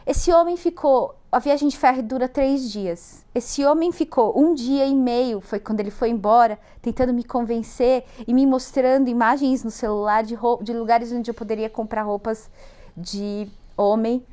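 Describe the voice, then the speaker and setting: A woman's voice: a little high, moderate pace, mellow. A woman with a Brazilian Portuguese accent, an interview guest animatedly telling a travel anecdote with laughter. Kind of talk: storytelling anecdote.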